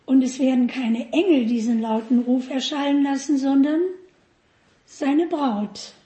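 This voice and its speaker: A woman's voice: high voice, steady tone, measured pace, warm tone, echoey room. A woman preaching a sermon, often asking the congregation questions.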